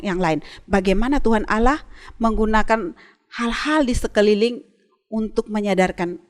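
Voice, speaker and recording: A woman Sunday school teacher retelling a bible story for children and asking them questions. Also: medium pitch. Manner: lively, asks children questions.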